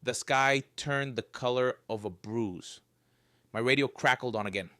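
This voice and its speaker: A man's voice: medium pitch, measured pace, sharp tone, no echo, clean studio sound. A man telling a scripted first-person horror story with a wry, joking edge. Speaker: narrator.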